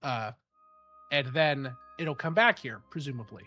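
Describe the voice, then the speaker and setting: Faint music plays behind a man with a mid-range voice who speaks unhurriedly. He's nasal and stuffy from a cold while casually running a tabletop game, rambling in a relaxed way with lots of fillers and the occasional swear.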